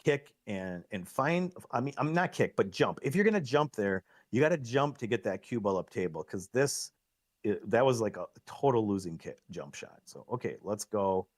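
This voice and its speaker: A middle-aged man giving excitable, coaching commentary on a live pool match, laughing at himself often. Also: on the low side, normal speed.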